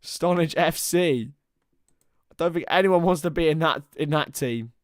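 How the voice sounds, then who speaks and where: Calling a football match live on a watchalong stream, a young man chats with viewers, swinging chattily between match calls and banter with chat. His voice is a little high and moves at a moderate pace. It's casual live commentary in a dry, studio-quality recording.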